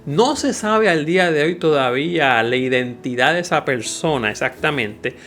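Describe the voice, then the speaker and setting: A man's voice: a little high, animated, moderate pace, fairly bright tone, faint music behind. A man with a Puerto Rican Caribbean Spanish accent giving an informal history lecture as a teacher, emphatic and didactic, repeating key phrases. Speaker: history teacher and channel host.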